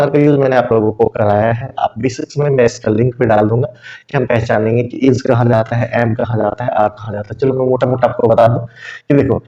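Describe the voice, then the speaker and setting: A man teaches grammar patiently, walking through one example after another and answering his own questions. His voice is dark and mellow. The recording is dull and lo-fi. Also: medium pitch. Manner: patient, explains step by step with examples; asks questions and answers them himself. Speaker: English teacher. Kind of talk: spoken English lesson explained in Hindi.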